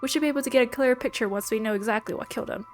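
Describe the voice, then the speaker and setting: She's a let's-play gamer voicing a game's dialogue and tossing in playful remarks, allergies leaving her stuffy. Her fairly high voice races along over soft background music.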